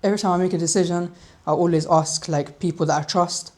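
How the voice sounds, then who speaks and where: A woman's voice: fairly low pitch, steady tone, fast, a little mellow. A twenty-year-old woman who works in a school, giving earnest, considered interview answers.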